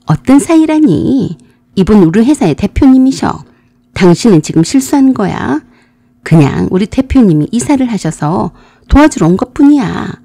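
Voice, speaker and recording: A woman voicing a young wife caught lying, who answers in a sharp, scolding way. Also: mid-range voice, big pitch swings, moderate pace, vocal fry, dry recording. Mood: shrill defensive.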